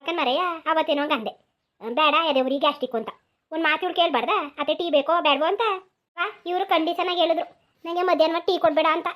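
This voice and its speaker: A scheming cartoon village mother-in-law, as a woman voices her, nagging and repeating herself in a rural Mysore-region accent. She speaks high and rapid-fire. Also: dull audio, natural voice. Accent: rural Mysore-region Kannada. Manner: nagging, insistent, repetitive.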